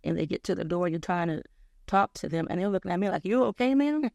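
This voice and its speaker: A woman sharing her personal story of faith and health as an interview guest, telling it in an animated, faith-filled way. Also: fairly low pitch, quick pace, creaky, dry recording, dull audio. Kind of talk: personal testimony in casual chat.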